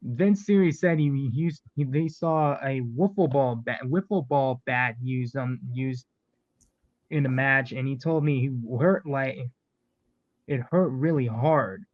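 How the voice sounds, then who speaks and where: A man's voice: medium pitch, measured pace, dry recording, lo-fi sound. A man hosting a podcast in casual chat, laughing often and trailing off mid-sentence. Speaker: podcast host.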